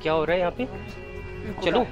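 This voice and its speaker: This man's voice is high-pitched and fairly quick, with the highs cut off and music playing underneath. A travel vlogger from Patna in India's Bihar state, he chats casually and curiously, often asking questions and repeating words. He holds the camera at arm's length as he moves between a small village house and snowy lanes outside.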